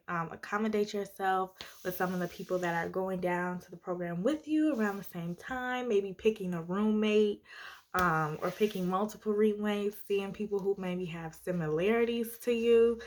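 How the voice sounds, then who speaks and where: A woman's voice: medium pitch, a bit bright. Young female vlogger, mid-range voice, casual and gossipy storytime delivery with chatty asides. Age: young adult. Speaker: vlogger telling a personal story. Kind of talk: casual storytime chat to viewers.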